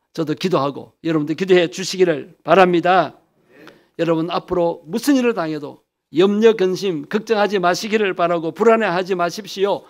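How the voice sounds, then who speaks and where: A man's voice: high-pitched, vocal fry. A man pastor preaching a sermon, asking the congregation questions and answering them himself, stretching key phrases for emphasis.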